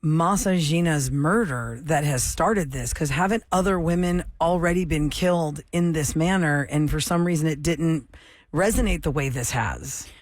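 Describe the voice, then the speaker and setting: Higher-voiced man hosting radio. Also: moderate pace, no echo, clean studio sound. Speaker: radio show host. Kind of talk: radio interview. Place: radio studio.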